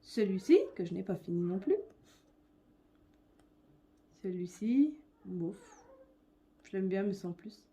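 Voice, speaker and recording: A woman's voice: medium pitch, animated, slow, pauses often, dark tone, husky. A young woman vlogger chatting casually and a bit hesitantly as she shows her coloring books, with many fillers.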